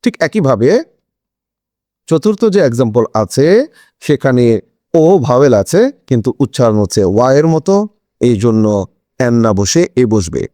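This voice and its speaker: A man's voice: medium pitch, expressive, normal speed, pauses often, mellow, no echo, clean studio sound. A man teaching an English grammar lesson in a video, explaining step by step and asking questions that he answers himself.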